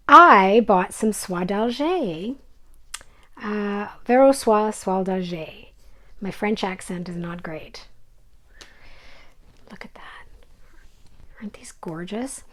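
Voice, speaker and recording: A woman casually chatting through her cross-stitch projects at home, self-deprecating and full of fillers, sometimes dropping to a soft whisper. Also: mid-range voice. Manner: drops to soft whispers over her silks. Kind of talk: casual show-and-tell vlog.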